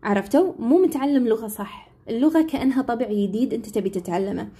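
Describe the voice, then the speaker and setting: A woman's voice: fairly high pitch, quick pace, warm tone, breathy edge. A young woman, an English teacher chatting casually on a live stream and often checking in with "right?".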